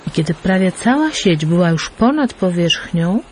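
A woman narrating a fairy tale in an expressive, lilting storyteller manner. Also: lowish voice, normal speed, slight background noise. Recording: faint background music.

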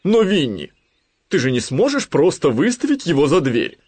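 A man voicing a fussy, bossy female owl who talks loudly and huffily. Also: mid-range voice, huge pitch swings, a little slow, no room sound. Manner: loud, fussy, huffy.

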